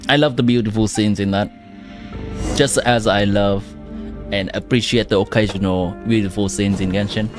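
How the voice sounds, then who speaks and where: A man's voice: on the low side, steady tone, normal speed. A man streaming a game and chatting playfully with his viewers, his voice run through an AI voice changer. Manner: chatty, playful, talks to chat. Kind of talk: casual live-stream chat over gameplay. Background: game music.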